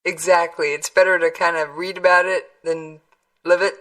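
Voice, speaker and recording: A woman's voice: fairly low pitch, level tone, moderate pace, fairly bright tone, far from the mic. A woman interviewing someone in a casual, conversational way.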